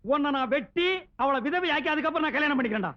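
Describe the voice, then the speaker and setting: An actor playing a blustering husband who shouts threats in comic film dialogue. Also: male voice, extremely high pitch, animated, rapid-fire. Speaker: angry husband. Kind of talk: 1990s film comedy dialogue. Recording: dull old film soundtrack.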